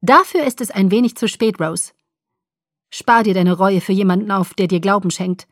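A woman voicing a quick, sharp-tongued young woman in an audiobook, speaking hastily in a raised, cutting voice. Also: medium pitch, dry recording, clean studio sound, lightly acted. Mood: icy. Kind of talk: audiobook character reading.

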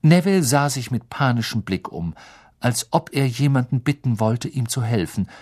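A man's voice: medium pitch, moderate pace. A man narrating a storybook expressively. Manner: expressive, acts out every character. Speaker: audiobook narrator.

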